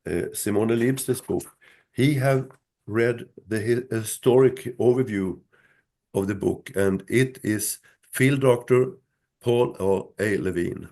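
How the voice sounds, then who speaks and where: Slow, gravelly-voiced man losing his voice. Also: medium pitch, a little mellow. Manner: slow, halting, many restarts. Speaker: son telling his mother's story. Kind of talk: live talk with a host.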